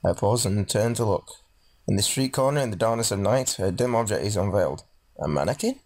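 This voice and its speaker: With game music playing behind him, a man does a let's play, reading visual novel narration aloud with drama and tossing in casual, jokey asides. His voice is lowish and darkish in tone, with lively intonation and a slightly quick pace.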